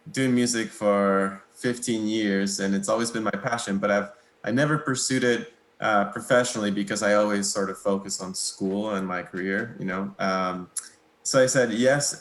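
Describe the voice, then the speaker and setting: A young guitarist from Mexico, a native Spanish speaker, answers interview questions in a relaxed, hesitant manner, pausing often and laughing softly. His pitch is fairly low, and the recording sounds roomy.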